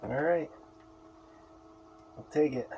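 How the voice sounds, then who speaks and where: A man's voice: on the high side, slow pace, creaky, highs cut off, slight background noise. A man filming himself ice fishing inside a small shelter, talking casually to the camera and to the fish he pulls up. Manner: relaxed, talks to the fish, drops to a hushed whisper when excited. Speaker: outdoor vlogger. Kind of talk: casual solo fishing commentary.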